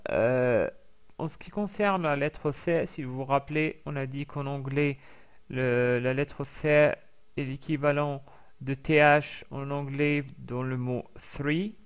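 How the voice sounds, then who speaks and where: A man teaching a lesson in French, explaining slowly with many fillers and restarts and carefully sounding out each letter. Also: fairly high pitch, smooth. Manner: carefully over-articulates sounds being taught. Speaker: Arabic teacher. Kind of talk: recorded language lesson.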